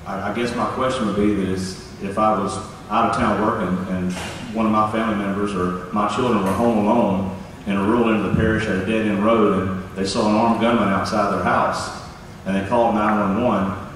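A middle-aged man, a candidate speaking at a forum, talking haltingly with frequent restarts. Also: on the low side, steady tone. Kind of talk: public forum answer. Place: large church hall, indoors. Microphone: handheld mic, filmed from far. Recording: echoey hall from far off, hiss.

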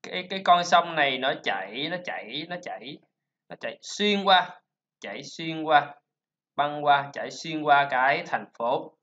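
A man works through a pronunciation lesson at an unhurried pace, repeating sounds again and again. His voice sits at a middling pitch and comes through a dull, lo-fi recording. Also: animated, bright, forceful tone. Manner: repeats and drills sounds, chatty explaining. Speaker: English pronunciation teacher. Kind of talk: screen-recorded lesson talk.

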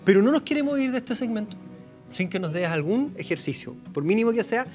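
A man hosting a TV talk show, playful and joking, asking quick questions. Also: high-pitched, big pitch swings, darkish tone, faint music behind. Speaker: TV show host. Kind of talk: casual TV talk show chat.

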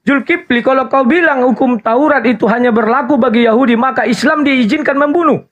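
A man's voice: very high voice, brisk, a bit bright. Insistent man on a muffled call. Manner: insistent, keeps demanding turns to speak. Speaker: debater. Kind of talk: heated religious debate. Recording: slightly muffled call audio.

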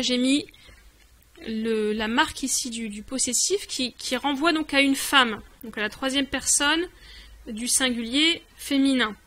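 Bright high-voiced woman teaching patiently. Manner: patient, repeats and glosses each word. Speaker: online language teacher. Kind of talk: explaining a dialogue step by step.

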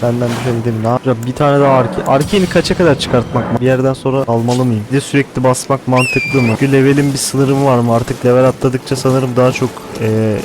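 A man giving casual gameplay commentary, excitable and thinking out loud, with casual swearing. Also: medium pitch, fast, hardly any pauses, background noise. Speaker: gaming host.

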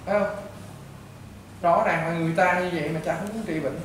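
A man's voice: on the high side, fairly even intonation, a little fast. A man with a Southern Vietnamese accent, a priest and healer, counseling a patient bluntly and repetitively, as if to his own child. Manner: blunt, repetitive, lecturing, addressing the listener as a child. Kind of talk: informal counseling talk to a patient. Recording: echoey and distant with loud background noise.

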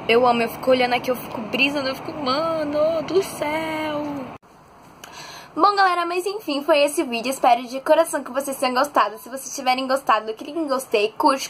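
Woman, bright high voice, bubbly animated storyteller, casual bedroom vlog. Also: fast, few pauses, a little hiss or hum. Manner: chatty and excitable, animated storytelling. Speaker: vlogger. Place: bedroom at home.

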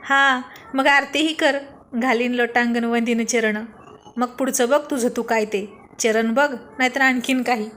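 A woman's voice: fairly high pitch, steady tone, a bit bright. A woman voicing a witty, teasing young man who leads his group of friends, in a storybook reading. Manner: teasing, quick comebacks.

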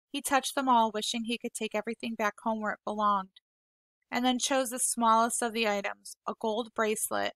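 A woman teacher reading a novel aloud to her class, unhurried and gentle, apologizing now and then when she stumbles over words. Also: on the high side, no room sound. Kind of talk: read-aloud storytelling.

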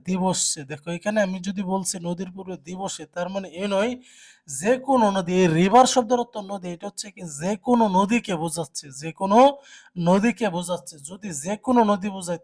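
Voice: mid-range voice, a little mellow. Teacher quizzing through a grammar lecture. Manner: asks rhetorical questions and answers them, frequent check-ins. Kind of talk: exam-prep grammar lecture.

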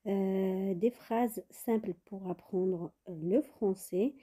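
Breathy woman teaching French, mellow tone. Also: medium pitch. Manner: slow repeated model phrases with quick asides. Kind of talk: bilingual language lesson.

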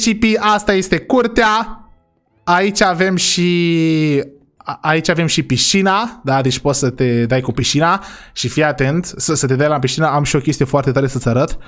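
A man hosting a playful role-play vlog, excitable and speaking straight to his viewers. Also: on the high side. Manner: excitable, addresses viewers directly. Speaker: vlogger host.

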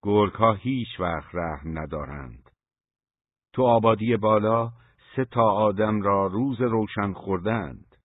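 A man's voice: on the low side, breathy edge, no room sound. Terse old stable keeper, read by a man. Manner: short blunt replies. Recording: dry, phone-like narrow sound.

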